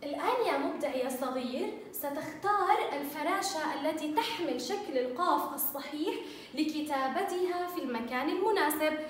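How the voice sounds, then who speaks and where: A woman teaching a first-grade Arabic lesson to young children, encouraging them with sing-song praise and drawn-out letter sounds. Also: high-pitched, lively intonation. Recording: echoey, distant mic, faint noise.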